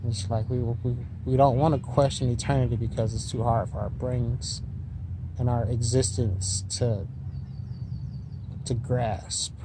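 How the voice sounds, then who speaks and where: A man's voice: medium pitch, fairly even intonation, measured pace. A man tripping on mushrooms, musing in a spaced-out, drifting, repetitive philosophical monologue addressed to the listener. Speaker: vlogger. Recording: noisy recording with vehicle-like ambient noise.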